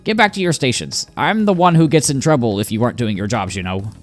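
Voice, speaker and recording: A man's voice: mid-range voice, fast talker, faint music behind, natural voice. A man voicing a put-upon male robot clerk who whines and grumbles about his boss, reading game dialogue aloud. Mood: grumbling. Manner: whiny, complaining.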